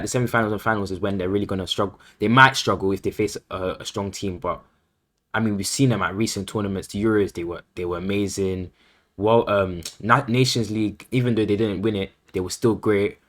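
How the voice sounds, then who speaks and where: A man's voice: fairly low pitch, fairly bright tone. A man co-hosting a casual football podcast, hedging and repeating himself as he gives his views. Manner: hedging, repeats himself, lots of "I think" and "I feel like". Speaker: podcast co-host.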